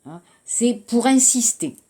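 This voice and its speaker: A woman's voice: fairly high pitch, expressive, slow, warm tone. A woman from France teaching a French class, explaining patiently and repeating phrases, with a few Korean words mixed in.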